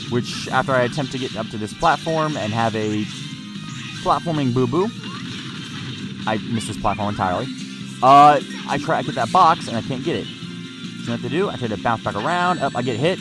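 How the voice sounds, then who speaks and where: In a low-quality recording, a man with a mid-range voice gives casual commentary as a let's play narrator reviewing gameplay. He rambles and often repeats or corrects himself mid-sentence, with game music playing underneath.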